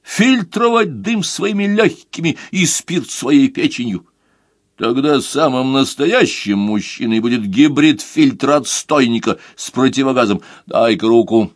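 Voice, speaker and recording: A man reading a blunt, mocking tough guy who barks orders with lively swings in pitch. The delivery is slow and deliberate. It is a storybook audiobook. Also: no room sound, studio quality. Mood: scornful. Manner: mocking, commanding. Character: tough, scornful older man, blunt mentor.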